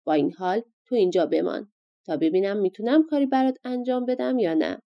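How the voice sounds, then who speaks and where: A woman's voice: mid-range voice, animated, dark tone, natural voice. A woman voicing an old grandmother of a giant, fussy and scolding, in a storybook reading. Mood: stern.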